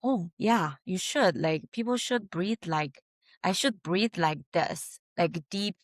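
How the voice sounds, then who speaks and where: A woman writer in a casual group conversation, speaking haltingly as she searches for her words. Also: on the low side, dry recording.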